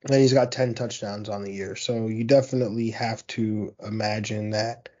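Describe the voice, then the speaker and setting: A man's voice: fairly low pitch, fairly even intonation, moderate pace, a little mellow, muffled recording. A man hosting a fantasy football podcast, talking through weekly player stats in a loose, rambling way full of fillers and restarts. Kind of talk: casual sports analysis monologue.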